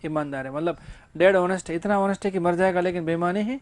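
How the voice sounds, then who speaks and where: A male English teacher delivers a grammar lecture in class, posing rhetorical questions and then answering them, with casual jokes thrown in. His voice sits high and he talks quickly.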